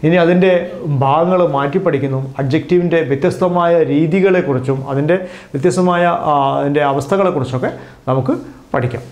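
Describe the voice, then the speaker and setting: High-voiced male grammar teacher, echoey room. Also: a little mellow. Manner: patient, repeats and drills each word form. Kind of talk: classroom grammar lesson. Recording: roomy echo.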